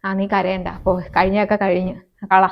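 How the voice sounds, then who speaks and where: A woman's voice: mid-range voice, flat delivery, moderate pace, lightly acted. A woman acts out an anxious, caring mother-in-law in an amateur family web drama. She soothes, repeats herself, and worries aloud. The recording is a little dull and lo-fi. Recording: slightly dull, lo-fi sound.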